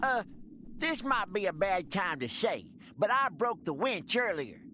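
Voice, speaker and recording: Old prospector, very high bright voice, folksy Western American drawl, lively swings, cartoon game. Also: male voice, a little slow, slight background noise, heavily acted. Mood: sheepish. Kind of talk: cartoonish video game voice acting.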